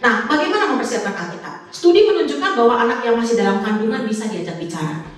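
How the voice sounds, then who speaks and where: A middle-aged woman telling a lively personal story in a church talk, acting out the dialogue as she goes. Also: on the high side, quick pace. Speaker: Sunday school teacher and guest speaker. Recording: echoey hall, voice from far off.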